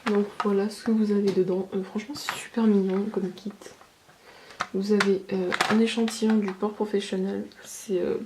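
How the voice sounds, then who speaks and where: A woman chats through a casual beauty haul review, hesitating often as she talks. Her voice sits at a middle pitch and bounces around an echoey room, with steady background noise behind her. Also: normal speed. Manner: chatty, many fillers and hesitations. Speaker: beauty vlogger.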